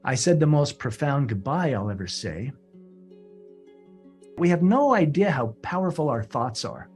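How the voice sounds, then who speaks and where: Earnest man with halting, repeated words. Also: on the high side, big pitch swings, darkish tone, soft background music. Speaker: guest telling a personal story. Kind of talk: emotional first-person storytelling.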